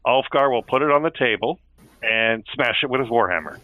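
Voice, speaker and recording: Playing a tabletop role-playing game, a man explains his reasoning and narrates what his character does during in-game discussion. His medium-pitched voice is lively and fairly quick, captured in a dry recording with narrow, tinny audio.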